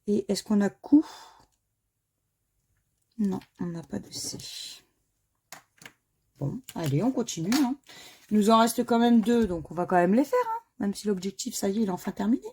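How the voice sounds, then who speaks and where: A woman's voice: mid-range voice, expressive, moderate pace, long pauses, dark tone, slightly rough. A woman who talks casually to her viewers while scratching lottery tickets, spelling out letters one by one and muttering under her breath between them. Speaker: scratch-card vlogger.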